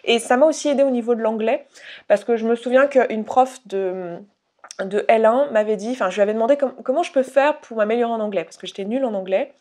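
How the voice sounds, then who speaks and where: A woman's voice: on the high side, fast talker, mellow. A young woman from Haute-Savoie talking candidly to camera in a casual vlog, with many restarts and fillers. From Haute-Savoie, France. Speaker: YouTuber.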